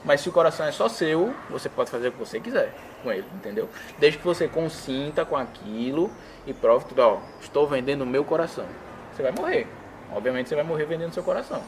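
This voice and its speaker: Quick guy explaining stuff, acts out little quotes, slightly high voice, faint noise behind. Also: sing-song, gravelly. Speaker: interview guest. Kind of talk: casual explanatory talk.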